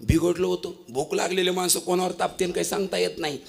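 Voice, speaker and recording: A male kirtan preacher telling a folksy story with lively delivery in a devotional sermon. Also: high-pitched, quick pace, vocal fry.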